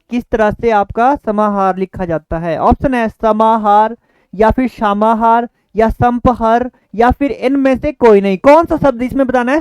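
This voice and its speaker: A man teaching an exam-prep grammar lesson. His voice is smooth and clear, recorded close and dry no room echo. He repeats each question and key word patiently for his viewers. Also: very high-pitched, a little mellow.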